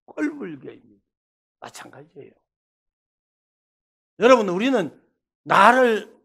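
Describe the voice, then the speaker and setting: A middle-aged man from Daegu with a Gyeongsang accent, preaching a revival sermon and telling stories with loud bursts and hushed asides. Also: sits high, vocal fry, slightly rough. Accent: Gyeongsang Korean. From Daegu, South Korea. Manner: animated storytelling, swinging between loud bursts and hushed asides. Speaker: pastor.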